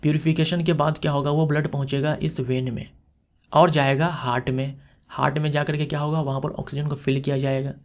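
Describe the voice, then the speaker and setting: A man's voice: a little high, darkish tone. A man giving an exam-prep lecture, explaining step by step, repeating key terms and asking rhetorical questions. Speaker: teacher.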